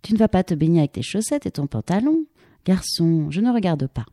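A woman voicing a brisk, teasing grown woman who gives a boy matter-of-fact orders in a storybook reading. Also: fairly low pitch, big pitch swings, mellow, no room sound, clean studio sound.

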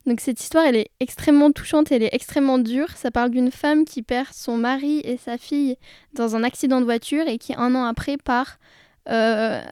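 A woman's voice: sits high, darkish tone, clean tone, no room sound, studio quality. A young woman casually talking about books she loves, enthusiastic and chatty, with frequent hesitations. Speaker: book vlogger. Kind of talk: casual book chat.

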